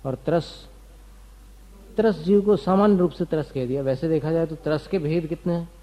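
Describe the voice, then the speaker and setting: Mellow-voiced man teaching religious doctrine. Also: a little high, moderate pace, low-quality recording. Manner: asks and answers his own questions, lists terms methodically. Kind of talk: doctrinal lecture to students.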